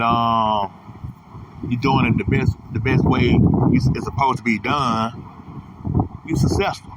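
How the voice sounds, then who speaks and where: A man in his thirties giving a rambling, repetitive, profane motivational monologue as a podcast host. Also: medium pitch. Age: 30s. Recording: distant mic with loud vehicle noise.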